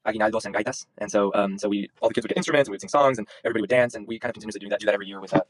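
A man's voice: on the low side, racing, no room sound, poor audio. A young man from Venezuela, a guest dentist in a casual podcast interview, talking in a rambling way with lots of restarts. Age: young adult. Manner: rambling, frequent restarts and ums.

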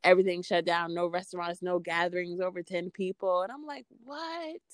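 Low-pitched woman. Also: fairly even intonation, brisk, clean tone, no echo, clean studio sound. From Queens, New York. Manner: informal, peppered with "like" and "you know". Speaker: interview guest, freelance podcaster. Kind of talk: casual conversational interview.

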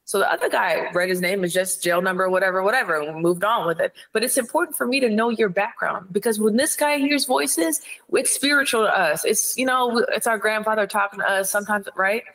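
A woman from Ohio speaks as a psychiatrist in a relaxed interview. Her voice sits at a middle pitch, and her delivery is direct and blunt, with an animated storytelling manner. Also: fairly quick, hardly any pauses, poor audio. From Ohio, USA. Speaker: psychiatrist guest. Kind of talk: casual conversational interview.

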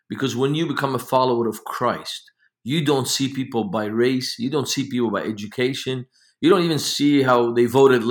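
A man in his fifties from Lebanon, a ministry founder answering interview questions in an earnest storytelling way. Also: medium pitch. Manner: earnest, laughs while telling stories. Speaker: podcast guest, ministry founder.

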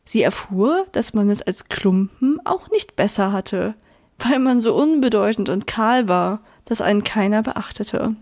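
A woman reading a children's story aloud in a soft, gentle manner, now and then speaking directly to the listener. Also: mid-range voice, lively intonation, a little slow.

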